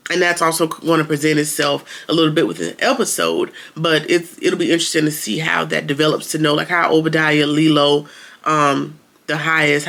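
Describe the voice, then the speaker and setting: A man's voice: on the high side, vocal fry, pushed and bright. A man hosting a casual episode recap in slangy, informal talk, sounding slightly under the weather. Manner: informal slangy retelling, acts out characters' lines. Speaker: host of a series review show.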